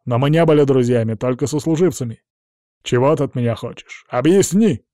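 A man voicing a blustering middle-aged colonel who growls and shouts his denials. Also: medium pitch, a little fast, dry recording, clean studio sound, lightly acted. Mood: angry bluster.

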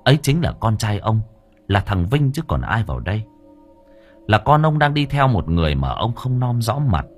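A man narrating a horror story aloud with expressive, shifting delivery. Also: lowish voice, normal speed, soft background music. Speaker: audiobook narrator.

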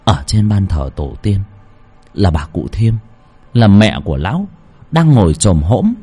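A man's voice: fairly low pitch, big pitch swings, a little slow, dark tone, slightly rough. A man narrating a horror story in a dramatic, suspenseful way.

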